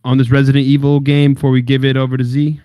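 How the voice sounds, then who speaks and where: This is a young man hosting a gaming podcast in easy, slangy talk, setting the pace for his co-hosts. His voice sits at a middling pitch, and it comes across dry and close. He sounds relaxed and casual. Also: quick pace, smooth, no room sound. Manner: slangy, laid-back, steers the show and giveaways. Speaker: podcast host.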